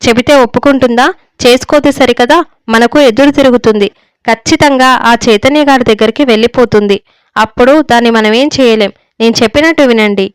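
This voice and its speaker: Lady narrator doing a shouty bossy old dad, storybook reading, kinda high clear voice. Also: fairly quick, dry recording, natural voice. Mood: angry. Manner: shouting, harsh and scolding. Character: stern, domineering older father, quick to rage.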